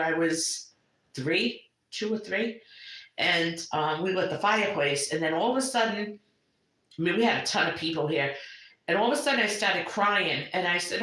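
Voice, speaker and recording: A woman's voice: fairly low pitch, bright, forceful tone. Laughing, chatty woman live-streaming from home. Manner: chatty, laughs often, reminiscing. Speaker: livestream host. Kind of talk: casual live-stream chat with viewers. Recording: roomy echo.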